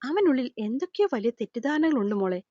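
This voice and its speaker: A woman voicing an older man, a gentle worried father figure, softly consoling and explaining in an audio storybook. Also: on the high side, sing-song, fast, no echo. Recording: slightly dull lo-fi recording.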